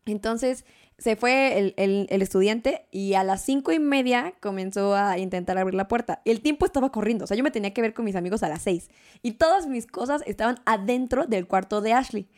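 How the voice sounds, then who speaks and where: A young woman, casually telling a story as a guest, animated and laughing often. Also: mid-range voice, brisk. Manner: animated, laughs often, acts out quoted voices.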